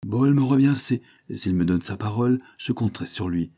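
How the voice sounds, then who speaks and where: A man voicing a frightened young man on the run, talking in an agitated, pleading, high-strung way. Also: animated, fairly quick, mellow. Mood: anxious.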